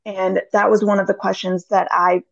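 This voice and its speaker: Chatty woman with a gravelly fry. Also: medium pitch, flat delivery, moderate pace, no room sound. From United States. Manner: rambling, chatty, many fillers. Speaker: podcast guest. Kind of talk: casual interview chat. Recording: dull lo-fi audio.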